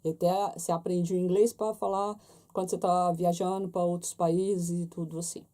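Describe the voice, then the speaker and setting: Her voice is fairly low and mellow now, delivered flatly at normal speed. The Brazilian vlogger, accent intact, keeps up a casual chat to camera, addressing viewers directly and frequently asking tag questions.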